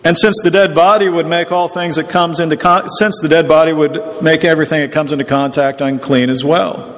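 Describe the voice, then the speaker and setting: A man preaching a sermon in a measured, explanatory teaching tone. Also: on the high side, big-room sound.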